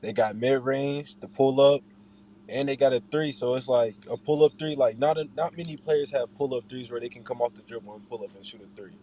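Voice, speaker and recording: A man's voice: mid-range voice, brisk, mellow, highs cut off. A young man speaking as an interviewed basketball player, in an informal way, often repeating and rephrasing his points. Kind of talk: casual interview chat.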